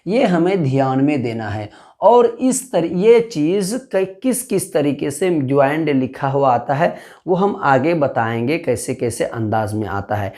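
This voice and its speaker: A man's voice: fairly high pitch, very animated, measured pace, a little mellow. A man teaching an online alphabet lesson. He recites the letter names one by one, repeats his points and quizzes the viewer to check they follow. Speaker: Urdu teacher.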